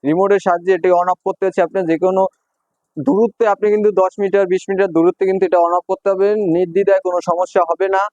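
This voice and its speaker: Fast, high-pitched Bangladeshi infomercial man. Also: darkish tone, no room sound, dull audio. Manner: repetitive sales patter. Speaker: presenter for an electrical goods seller. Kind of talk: infomercial-style product demonstration.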